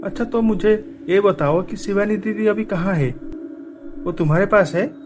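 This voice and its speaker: A man's voice: sits high, normal speed, background noise, close to an everyday voice. A man playing a caring, determined young uncle. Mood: gentle.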